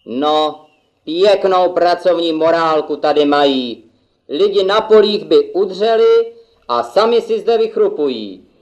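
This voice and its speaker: A man's voice: fairly high pitch, animated, darkish tone, close to an everyday voice. Man as blunt peasant fellow, roomy sound. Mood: defiant, blunt. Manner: blunt, folksy. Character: Jíra, plain-spoken, defiant peasant fellow. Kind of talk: puppet theatre play. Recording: dull, roomy recording.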